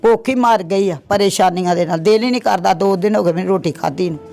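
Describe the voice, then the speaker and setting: A woman's voice: medium pitch, fast talker, vocal fry, dark tone. A middle-aged woman from Pakistan, giving a plaintive interview testimony and repeating her complaints. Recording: faint background music.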